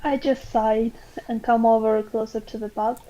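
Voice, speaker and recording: A woman playing a tabletop game, describing her character's actions in measured phrases. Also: on the high side, steady tone, mellow. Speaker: player. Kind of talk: casual tabletop game play. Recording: dull lo-fi mic.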